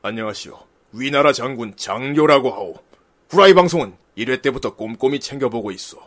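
A man's voice: medium pitch, animated, fairly quick, fairly bright tone, pitched below the performer's own voice. A man voicing a solemn ancient war general who speaks in stiff, archaic formal speech.

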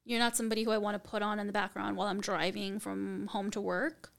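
A woman guest chatting casually on a podcast, with constant vocal fry and an animated, laughing manner. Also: mid-range voice, fast.

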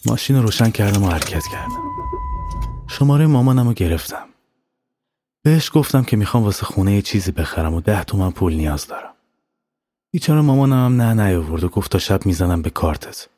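A man narrating a scripted horror story in a steady, matter-of-fact way. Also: on the low side, no room sound. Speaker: narrator and writer.

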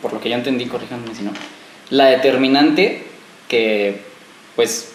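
A man's voice: mid-range voice, a little slow. A man, co-hosting a podcast, summing up and explaining step by step. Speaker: podcast co-host. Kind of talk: casual group chat. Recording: echoey room with faint noise.

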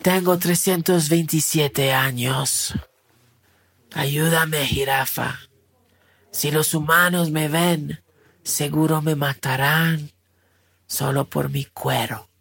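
A woman voicing a grumpy, ancient male crocodile who talks slowly and pleads for help. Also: low voice, steady tone, vocal fry, husky, no room sound, exaggerated voice.

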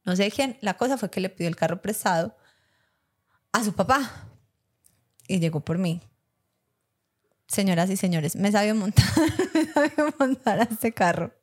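A young Colombian woman co-hosting a podcast tells a story in a casual chat, laughing often and animatedly acting out her own past lines. She has a Colombian Spanish accent and a mid-range voice with a breathy edge, speaking at normal speed.

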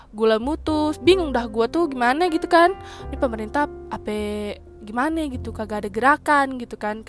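A young woman with a Jakarta accent tells a story in chatty, slangy street talk and breaks into animated exclamations. Her voice sits a little high. Soft music plays faintly behind her. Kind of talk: casual storytelling monologue.

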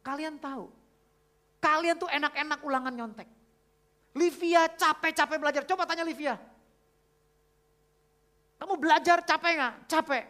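A man doing a loud, scolding school principal. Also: extremely high pitch, moderate pace, hardly any pauses, voice pushed up. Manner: scolding, questioning loudly. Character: stern, indignant school principal, adult.

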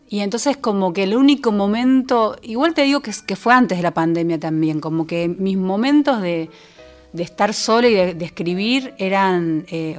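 A woman singer-songwriter with a Rioplatense Spanish accent, talking through her songs in a casual interview, thoughtful and full of small restarts. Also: mid-range voice. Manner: reflective, with frequent fillers and restarts.

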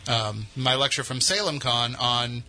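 A man's voice: medium pitch, a little slow, pushed and bright. A man hosting a talk show in a casual, conversational style. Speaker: radio host and paranormal lecturer.

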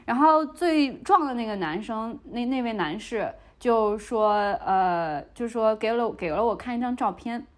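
A woman's voice: a little high, measured pace, hardly any pauses. A young woman, a podcast host, telling a story in casual chat and acting out the dialogue as she goes. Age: young adult. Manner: lively retelling, playing out the dialogue.

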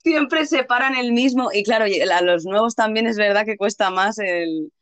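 A woman's voice: medium pitch, normal speed, no room sound. Woman cohost, chill chatty voice, swears a lot, dry close mic. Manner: casual and swears freely. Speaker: co-host of a live show. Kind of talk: casual live-stream chat.

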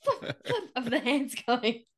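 A woman co-hosting a casual podcast, chiming in with quick quips. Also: high voice, sing-song, husky. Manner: chimes in with quick quips and laughs. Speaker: podcast co-host. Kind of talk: casual chat.

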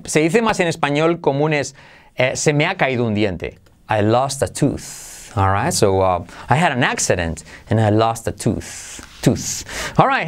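A lively English lesson led by a man. He speaks slowly and carefully, with a voice that leaps up and down in pitch, and slips into snatches of song to drill words. His voice sits a little on the high side for a man. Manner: animated, switching between Spanish and English, sings snatches of songs. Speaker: English teacher.

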